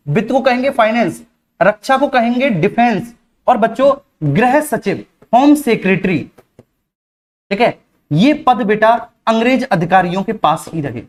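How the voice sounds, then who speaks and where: A male teacher giving a live online class, speaking slowly and deliberately, repeating key points and calling his students "beta". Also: very high-pitched. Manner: slow, deliberate delivery.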